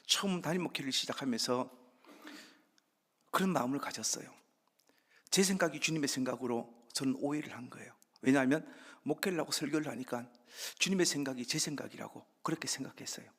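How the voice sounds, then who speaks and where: A man preaching a sermon as guest pastor, conversational and acting out little dialogues, with soft asides between louder lines. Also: medium pitch, brisk, slightly rough. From Andong, South Korea. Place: church sanctuary. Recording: reverberant church hall.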